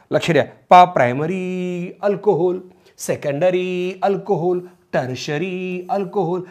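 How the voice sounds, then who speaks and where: A male teacher giving a chemistry lecture to students. He drills them in a loud voice and chants the names of compounds in a sing-song way. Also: sits high.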